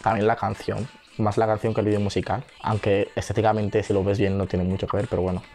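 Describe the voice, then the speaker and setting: A young man with a Spain Spanish accent giving chatty reaction commentary, now and then breaking into high squeals and gasps. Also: level tone, fast talker, darkish tone, faint music behind. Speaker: video reactor.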